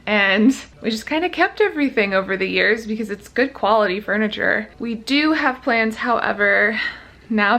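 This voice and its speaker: Breathless pregnant woman, gravelly edge. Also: mid-range voice, sharp tone. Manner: chatty, upbeat, often laughs. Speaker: vlogger. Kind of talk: casual home vlog. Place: bedroom at home.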